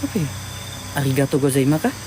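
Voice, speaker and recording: A man talking casually to viewers as host of a ghost-hunting night vlog, halting and repeating himself. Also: mid-range voice, very animated. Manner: repetitive, halting, often addresses listeners directly. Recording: noisy outdoor night recording with insects.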